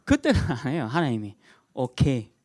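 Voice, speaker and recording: A middle-aged male pastor preaching a sermon, emphatic and animated, repeating key words and chuckling at his own jokes. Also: medium pitch, moderate pace, dry recording, studio quality.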